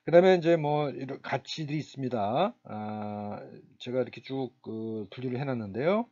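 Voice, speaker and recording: A man giving a recorded university lecture, speaking haltingly with many fillers and restarts. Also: mid-range voice, mellow, highs cut off.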